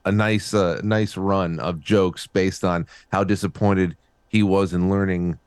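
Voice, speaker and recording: A man hosting a casual chat, rambling with halting restarts. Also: low voice, fairly even intonation, clear, resonant tone, no echo, studio quality. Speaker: host.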